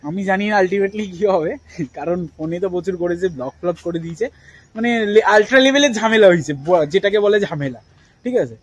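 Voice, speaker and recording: A man's voice: high-pitched, brisk, rough recording. A young man, talking casually to camera as a vlogger, rambling with many fillers and restarts. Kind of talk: casual vlog talk to camera.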